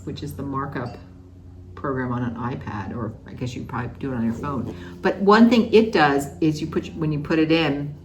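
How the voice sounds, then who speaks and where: Lively, giggly older woman. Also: low voice, a little hiss or hum. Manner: lively, giggly, asks questions. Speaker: co-host. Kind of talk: casual craft chat.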